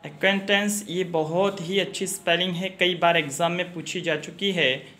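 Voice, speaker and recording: A man teaching a spelling lesson, spelling words out letter by letter and explaining each meaning in a steady, instructional way, pausing on small hesitations. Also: sits high. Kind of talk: educational video lesson.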